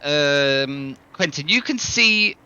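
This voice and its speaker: A man's voice: a little high, animated, slow pace, sharp tone, clean tone, highs cut off. A man casually narrating and refereeing a tabletop game, often thinking aloud. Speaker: game master.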